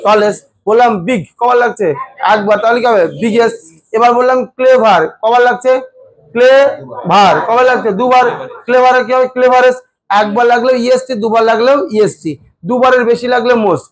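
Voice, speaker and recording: Teaching a grammar lesson in an extremely high, level-toned voice, a male English teacher poses questions and supplies the answers himself. He fondly addresses students as "babu" and stretches words slowly to spell or count syllables.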